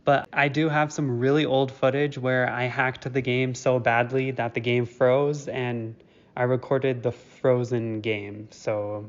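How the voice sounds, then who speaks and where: A man's voice: medium pitch, level tone, a little slow. A man making a casual, matter-of-fact aside to viewers. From United States. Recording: dull lo-fi recording.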